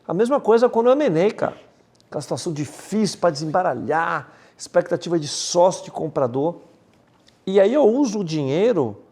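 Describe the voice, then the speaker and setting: A man from Salvador, speaking as a podcast guest in an energetic, slangy, emphatic way. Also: sits high. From Salvador, Bahia, Brazil. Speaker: guest, M&A advisor. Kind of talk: casual podcast interview.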